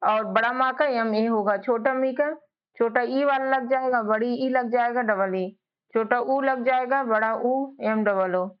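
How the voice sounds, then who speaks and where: A woman's slightly high, clean-toned voice moves a little slowly as she teaches beginner spelling, drilling letters one at a time. She tends to ask and answer her own questions, and the audio is dull and lo-fi.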